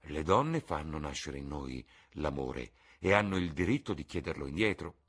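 A man with a husky voice reading an earnest, passionate young man, raising his voice for him. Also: a bass voice, lively intonation, normal speed, a bit bright, exaggerated voice.

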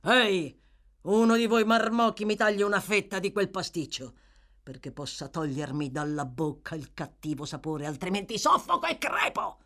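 A woman's voice: mid-range voice, expressive, moderate pace, fairly bright tone. A woman voicing a sick, bitter male thug who growls and snarls with contempt in a storybook reading. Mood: surly.

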